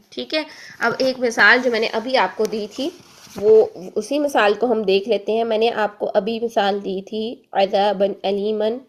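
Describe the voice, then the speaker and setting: A woman teaching a recorded lesson on reading the Quran, explaining patiently and often checking in with the listener. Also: on the high side. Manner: draws out example syllables slowly and loudly.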